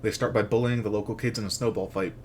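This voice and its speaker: A man's voice: fairly low pitch, fairly even intonation, quick pace, darkish tone, a little hiss or hum. A man delivering a scripted comedic rant as host, with sarcastic, crude, slangy jokes. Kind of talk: comedic rant recap of a video game, scripted narration.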